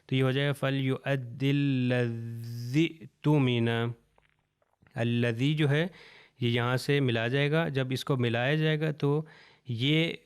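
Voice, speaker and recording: Man, Quran recitation teacher, smooth resonant tone at a mid pitch, patient and slow on every example word. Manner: patient, repeats each word slowly and deliberately. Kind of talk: step-by-step recitation lesson.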